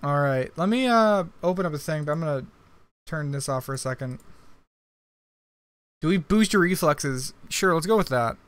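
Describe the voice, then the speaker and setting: A man's voice: on the high side, animated, moderate pace, long pauses, smooth, no echo. A young man streaming live, chatting casually and answering viewer comments while he works on a video edit.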